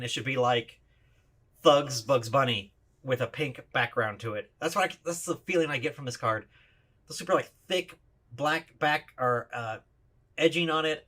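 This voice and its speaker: A man with a bright, forceful voice ranks overpriced trading cards. He is plain-spoken and opinionated, often restarting his sentences. The clip is played back within another video. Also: mid-range voice. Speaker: card reviewer in a played video. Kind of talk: casual ranking commentary.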